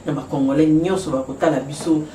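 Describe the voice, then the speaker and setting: A TV host poses interview questions in a middle-pitched voice. The voice sounds distant and echoey, with a faint hiss. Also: fairly even intonation, fairly quick, warm tone. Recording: echoey room from far off.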